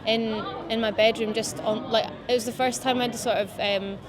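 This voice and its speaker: With a slightly high voice at a moderate pace, a young Scottish Highlands woman in her twenties chats casually about her music as an interview guest. Her talk is relaxed and wandering, heavy with fillers, recorded outdoors by a city riverbank with crowd noise behind.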